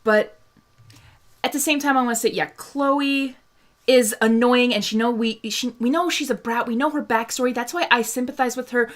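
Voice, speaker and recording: Her pitch is fairly high and her pace normal as she, a young Hungarian host, chats casually through fan questions from viewers. She laughs often, uses lots of fillers and frequently starts over.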